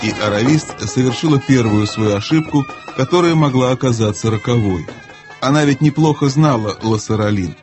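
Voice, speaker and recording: A man reading a children's fantasy novel aloud as a measured, even audiobook narrator. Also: medium pitch, music in the background. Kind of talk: scripted narration.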